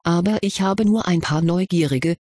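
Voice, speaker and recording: A reader voicing a curious, kindly male wizard professor in an audiobook, questioning gently with mild amusement. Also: medium pitch, normal speed, no echo, studio quality, close to an everyday voice. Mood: probing. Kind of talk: audiobook character reading.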